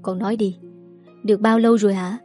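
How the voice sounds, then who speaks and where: A worried middle-aged village mother speaks firmly but coaxingly to her daughter, as a woman narrator puts her on. The voice is warm and mellow, at a middle pitch. Faint music plays underneath. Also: steady tone, a little fast, natural voice.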